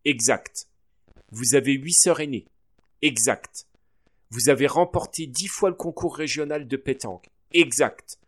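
A man voicing a pompous school director in a storybook reading, raising his pitch and booming proudly. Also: measured pace, husky.

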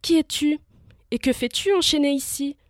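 A woman's voice: sits high, moderate pace, no echo, clean studio sound, voice pushed up, lightly acted. A woman doing an eager young hero. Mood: urgent. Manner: eager questioning.

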